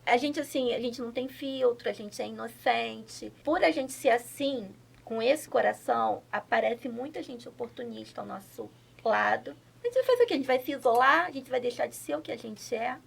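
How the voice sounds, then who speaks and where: A woman's voice: a little high, lively intonation, moderate pace, vocal fry, hardly any pauses, breathy edge. A woman on a podcast talking in an earnest, encouraging way, often asking others to agree. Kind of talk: casual podcast chat.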